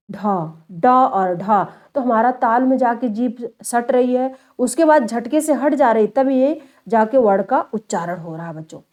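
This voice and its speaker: Female teacher, slightly high voice, mellow and dark, patient repeating explainer. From India. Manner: explains step by step and repeats key terms, addressing students as children. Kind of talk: classroom lecture.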